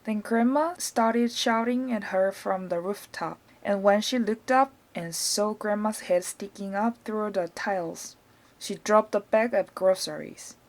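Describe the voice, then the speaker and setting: A woman with a Korean accent reading a children's novel aloud in a clear, even storytelling voice. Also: medium pitch, measured pace. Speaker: audiobook reader.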